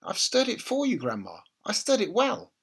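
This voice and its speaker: A man's voice: high voice, huge pitch swings, normal speed, vocal fry, a bit bright, slightly rough, pitched above the performer's own voice, exaggerated voice. A man voicing a polite, timid eight-year-old boy in a children's storybook, earnest and pleading. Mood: meek protest.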